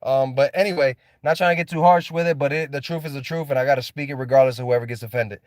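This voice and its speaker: A man's voice: mid-range voice, steady tone, fast, a little mellow, dry recording. Man ranting hard, dry close sound. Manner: passionate, preachy rant with many repeats and restarts. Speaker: vlogger. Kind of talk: unscripted driving vlog monologue. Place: inside a car.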